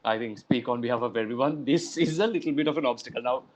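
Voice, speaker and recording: A man in his twenties, a podcast co-host, steering the conversation in a measured way. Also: mid-range voice, background noise. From Sri Lanka. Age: 20s. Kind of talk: casual chat.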